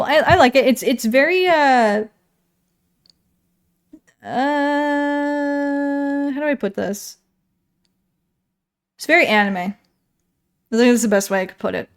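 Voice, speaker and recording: Casually going over game patch notes, this woman streamer thinks aloud, drifts between points, and corrects herself. Her slightly high voice has lively intonation, and she speaks at a normal speed with long pauses.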